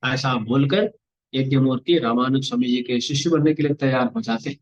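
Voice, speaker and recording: A man telling a devotional story of a saint in a lively discourse, acting out the dialogue. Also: medium pitch, brisk. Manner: animated, acts out dialogue of saints and God. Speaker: religious storyteller. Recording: muffled lo-fi recording.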